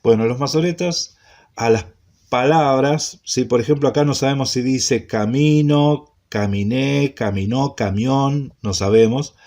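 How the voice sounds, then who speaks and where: A man teaching an introductory Hebrew class, speaking slowly and repeating points, often checking in with a questioning "¿sí?". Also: medium pitch, warm tone. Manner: slow, repetitive, checks in with frequent "¿sí?". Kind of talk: classroom lecture.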